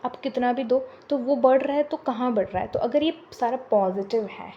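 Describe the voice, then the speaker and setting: A woman teaching a maths lesson, switching between Hindi and English and explaining step by step with pauses and fillers. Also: on the high side, dull audio, a little hiss or hum.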